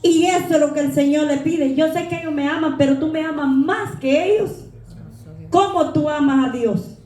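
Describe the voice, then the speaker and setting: A woman's voice: high-pitched, normal speed, mellow. A middle-aged woman preaching a humble, earnest, conversational sermon in a church. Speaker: lay preacher. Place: church sanctuary. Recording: echoey church room.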